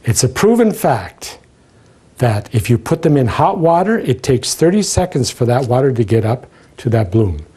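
A man's voice: mid-range voice, big pitch swings, moderate pace, warm tone, husky. A middle-aged man, a floral consultant, showing step by step how to prepare flowers, emphatic and dropping small jokes as he talks to the viewer. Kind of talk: hands-on demonstration.

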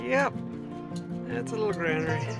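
Filming himself at arm's length on an action camera in sandstone river canyons, a middle-aged vlogger keeps up jokey, exclamatory outdoor chatter. Loud music plays over his high-sitting, animated voice, which has some vocal fry, and he talks at a normal speed.

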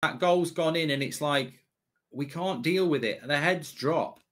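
A man's voice: fairly high pitch, measured pace, fairly bright tone. A middle-aged man hosting a live football watchalong, commenting as a blunt, exasperated, sweary fan. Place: indoor streaming studio.

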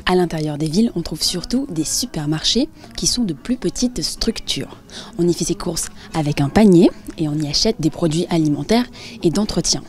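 A young woman presenting and interviewing with a clear, friendly delivery, recorded outdoors on a handheld mic. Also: fairly low pitch, animated, normal speed, darkish tone, soft background music. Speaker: host and street interviewer. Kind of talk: scripted presenting and street interviews.

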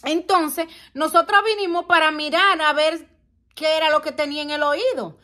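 Vlogger, young woman, high voice, dramatic storyteller. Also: steady tone, normal speed, sharp tone. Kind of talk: casual storytelling to viewers.

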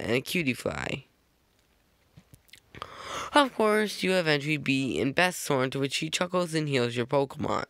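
A man's voice: on the high side, vocal fry, a bit bright, dry recording. A man casually narrating a fan-made slideshow, rambling with jokey asides and frequent self-corrections on a close microphone.

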